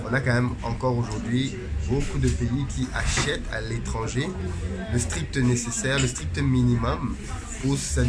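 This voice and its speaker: A man hosting an interview, speaking earnestly with many hesitations. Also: mid-range voice. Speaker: interviewer and channel host. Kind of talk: opinionated introduction then interview. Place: café in Paris. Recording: loud music underneath.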